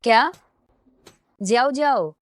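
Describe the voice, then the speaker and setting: A woman's voice: a little high, lively intonation, extremely slow. A woman voicing a scheming middle-aged mother who mocks and threatens a young woman. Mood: scornful. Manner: mocking and scornful. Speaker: dubbing actor. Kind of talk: Hindi dub of a short drama.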